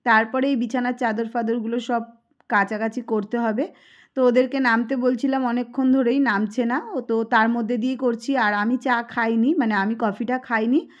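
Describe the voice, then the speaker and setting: Her pitch is fairly high and her intonation fairly even, at a normal speed, with the highs cut off. The speaker is a thirtysomething woman from Kolkata, India, with a Kolkata Bengali accent, a vlogger casually narrating chores at home indoors in a chatty, homely way.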